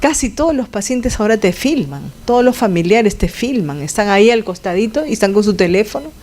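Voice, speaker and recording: A woman's voice: mid-range voice, lively intonation, brisk, darkish tone. A woman giving a conversational lecture to health students, asking the class questions and adding sound effects.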